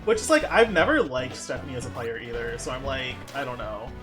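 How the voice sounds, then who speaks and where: A woman's voice: extremely low pitch, lively intonation, fairly quick, poor audio. A woman streaming a game, chatting casually and gossipily in slang as she comments and talks to her audience. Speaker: game streamer running a challenge run with audience votes. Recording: music in the background.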